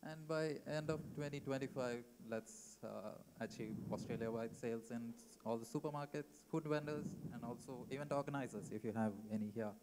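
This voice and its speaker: A man's voice: medium pitch, normal speed, few pauses, background noise. A man co-founder presenting his startup's progress, hesitant and full of fillers. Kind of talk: pitch presentation.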